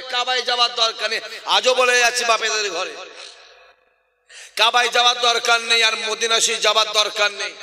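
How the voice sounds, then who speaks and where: A Bengali-accented man delivers a fiery sermon in a very high, piercing voice. He shouts and keeps calling on the listeners to answer back. His voice rings out through a long, echoing hall. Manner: shouting to the crowd, calls for responses. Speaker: preacher.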